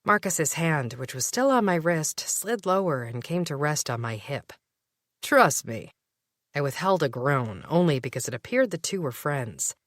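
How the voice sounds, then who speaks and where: Low-voiced woman narrating an audiobook. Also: lively intonation, normal speed, hardly any pauses, no echo, clean studio sound. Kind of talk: first-person audiobook narration.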